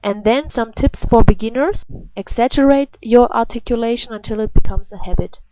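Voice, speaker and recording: A woman's voice: on the high side, moderate pace, dark tone, no room sound. A woman with a German accent, a native German speaker, giving a pronunciation lesson and demonstrating a throaty, gargled R. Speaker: pronunciation teacher. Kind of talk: instructional language lesson. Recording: dull, lo-fi sound.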